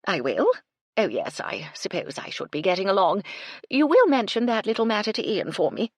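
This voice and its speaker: A woman's voice: mid-range voice, very animated, normal speed, no echo, clean studio sound, voice pushed up. A woman narrator voicing a chatty, gossipy society woman. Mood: fluttery. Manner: fluttery and chatty.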